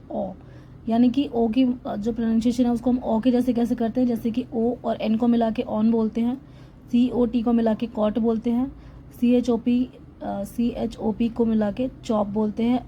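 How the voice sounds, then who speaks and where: A woman's voice: a little high, warm tone, muffled recording, a little hiss or hum. A woman teaching English pronunciation in a lesson voice-over, spelling words letter by letter and then sounding them out.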